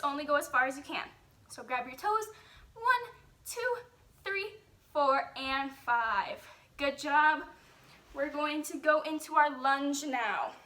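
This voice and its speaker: A woman's voice: high voice, sharp tone. A woman coaching a follow-along stretch and strength workout, giving simple step-by-step cues, counting aloud and encouraging. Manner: simple step-by-step cueing with reminders. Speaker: fitness and gymnastics coach. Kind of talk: follow-along exercise instruction. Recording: roomy echo, distant microphone.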